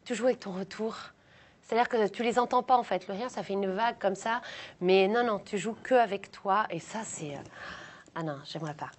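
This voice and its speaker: A woman's voice: mid-range voice, a little fast, a little hiss or hum. Chatty young french woman comedian. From southern France. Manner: chatty, self-mocking, many fillers and restarts. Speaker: comedian guest. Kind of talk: casual interview chat.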